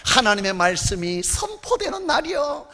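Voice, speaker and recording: A woman preacher rouses the congregation with playful wordplay and shouted cheers. Her voice is extremely high and swoops widely, with a gravelly rasp. The sound carries a long reverb from a large sanctuary. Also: very animated, moderate pace. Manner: shouting, playful, rousing the crowd.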